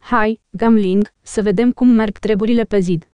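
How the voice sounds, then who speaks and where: A woman voicing a boastful male dwarf warrior in an audiobook, with shouted battle cries. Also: mid-range voice, steady tone, clean tone, no room sound, natural voice.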